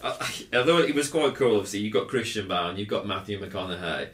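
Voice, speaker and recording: A man co-hosting a film podcast, talking in a rambling, animated way and laughing often. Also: lowish voice, quick pace. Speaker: podcast co-host. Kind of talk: casual film review chat. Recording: roomy echo.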